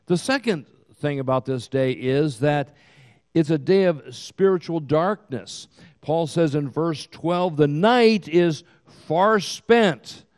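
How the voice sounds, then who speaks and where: A man in his sixties preaching a sermon as pastor, with slow, emphatic delivery that swells to loud peaks, recorded in a church sanctuary. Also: fairly high pitch. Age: 60s. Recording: long hall reverb.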